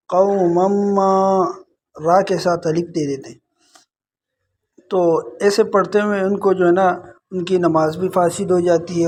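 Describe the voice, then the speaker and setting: High, flat-voiced male Quran teacher. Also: slightly rough. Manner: explains mistakes, then recites slow drawn-out verses. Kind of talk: tajweed lesson with recited examples.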